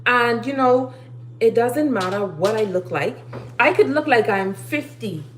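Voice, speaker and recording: A woman's voice: fairly high pitch, lively intonation, unhurried, a little hiss or hum. A woman in her thirties giving life advice in a casual live-stream monologue from her kitchen, preachy and urging, repeating her key phrases. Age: 30s. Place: home kitchen while cooking.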